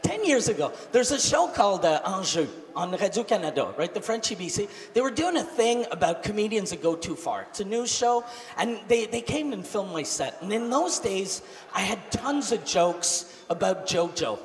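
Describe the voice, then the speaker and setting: Field: stand-up comedian. Sex: man. Pitch: high, lively. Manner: crude, shouting. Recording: live hall. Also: moderate pace. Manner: loud, crude, swings between shouting and muttering asides. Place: large theater at a comedy festival. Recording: live hall with reverb, audience noise.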